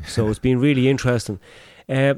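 Mellow male interviewer. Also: mid-range voice, fairly even intonation, a little fast, no room sound. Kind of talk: casual conversational interview.

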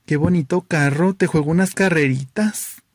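A man's voice: on the high side, moderate pace, no echo, studio quality, voice pushed up, close to an everyday voice. A man with a Mexican accent voicing a flamboyant, coquettish young man in plastic flip-flops, with a sighing singsong delivery. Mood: teasing.

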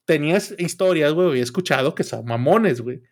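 Slangy Mexican man with a raised pitch. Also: animated, quick pace. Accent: Mexican Spanish. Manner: profane slangy storytelling, constant filler words. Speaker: podcast co-host. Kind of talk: casual storytelling chat.

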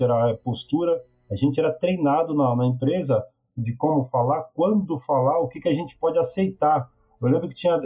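Brazilian man, animated storyteller, mellow husky tone, dull lo-fi capture. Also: a little high. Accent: Brazilian Portuguese. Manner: animated, slangy storytelling with many asides. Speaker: podcast guest talking about trade work. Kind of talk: casual chat. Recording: muffled, slightly lo-fi sound.

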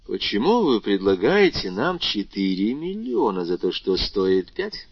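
A man with a low voice reading the part of a calm, ironic bandit chief who speaks unhurried and deadpan, in a muffled dry recording. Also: husky, no echo, heavily acted.

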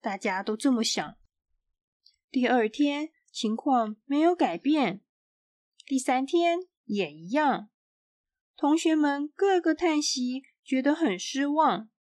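A woman reads a children's storybook aloud, clear and expressive. She takes her time over every phrase, in a fairly high voice. The sound is close and dry, with no room echo. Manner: slow, clear, expressive reading.

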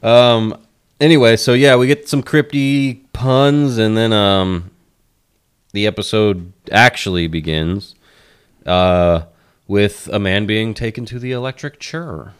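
A young man with a very deep voice hosting a casual podcast. He is laid-back and chuckles easily. He walks his co-hosts through the story at an easy pace. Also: slow, smooth. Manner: laid-back, laughs often, narrates the episode. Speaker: podcast host. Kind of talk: casual chat.

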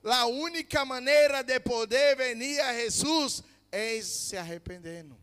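A man preaching a fervent sermon, swinging from loud emphatic peaks to low quiet asides. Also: unhurried, clear, resonant tone, in a large hall.

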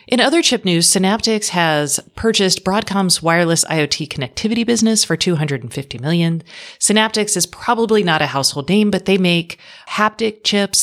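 A woman's voice: fairly low pitch, animated, moderate pace. A woman co-hosting a tech podcast, talking frankly in casual chat with dry asides that trail off. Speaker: podcast co-host.

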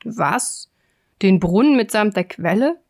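A woman voicing a huge, dim-witted male giant who grumbles slowly into his beard. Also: lively intonation. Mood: grumbling. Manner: slow, low, grumbling.

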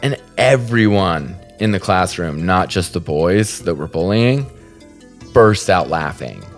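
This podcast host from the Salt Lake area has a low-pitched voice and an unhurried delivery, with faint music playing behind him. He casually recounts a funny story, cursing freely and poking fun at himself with animated energy.

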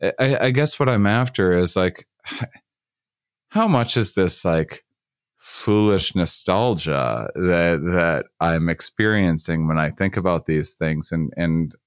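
A man hosting a casual conversation, talking haltingly with many repeated words and fillers. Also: sits low, clean tone, dry recording, clean studio sound.

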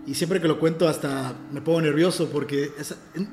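A man with a Mexican accent tells a story in an earnest, self-aware way, often circling back to restart his sentences. His voice sits a little high for a man. The room sounds echoey, with a faint hum of ambience behind him. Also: steady tone, a little fast, a little mellow. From Ciudad del Carmen, Mexico. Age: adult. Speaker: guest telling a personal story. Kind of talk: casual storytelling in a conversation.

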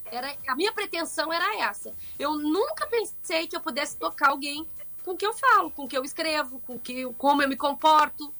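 A woman's voice: high-pitched, fairly quick, soft background music. A middle-aged woman, a guest in an interview who talks expressively and at length, often restarting her sentences. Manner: expressive, talkative, frequent restarts. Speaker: guest, fashion seller and social media influencer. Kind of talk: animated conversational interview.

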